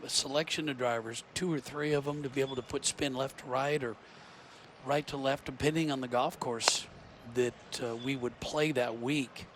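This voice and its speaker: A man's voice: medium pitch, fairly even intonation, moderate pace, background noise. A man giving live golf commentary, explaining technique in a conversational analyst's way. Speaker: golf commentator, former player.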